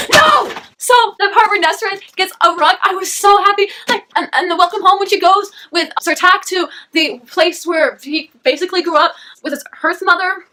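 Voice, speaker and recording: A young woman with a very high, bright, sharp-edged voice talks through a book review in a casual, excitable rush. She gushes, restarts her sentences and breaks into squeals, her high voice staying bright throughout. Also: slight background noise. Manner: excitable, gushing, rambling.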